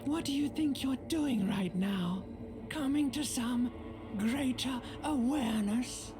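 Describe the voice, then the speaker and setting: A woman's voice: high voice, takes it slowly, music in the background. An actress voicing a seductive female inner voice of the limbic system in a video game, teasing and coaxing.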